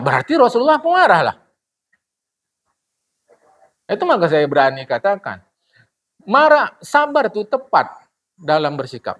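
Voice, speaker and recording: A man's voice: high-pitched, fairly bright tone. A middle-aged man, giving a humorous sermon to his congregation. He asks questions and answers them himself, and acts out little dialogues. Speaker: religious teacher.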